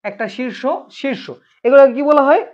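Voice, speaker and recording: A man's voice: very high voice, steady tone, a little fast. Man, math teacher, patient, repeats questions, classroom, muffled lo-fi sound. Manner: patient, asks students questions and repeats points. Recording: dull lo-fi recording.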